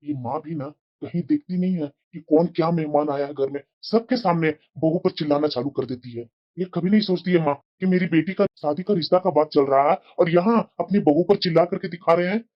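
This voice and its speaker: A woman voicing a calm, soothing middle-aged husband and father in a cartoon family drama. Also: deep voice, fairly quick. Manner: mild, soothing, reasonable. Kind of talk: cartoon voice acting. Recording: dull lo-fi sound.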